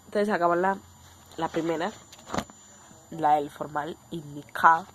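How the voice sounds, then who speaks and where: A woman's voice: low voice, a little slow, a little hiss or hum. A woman from Colombia with a Colombian Spanish accent, teaching a casual online language lesson and explaining step by step, often checking in with her viewers.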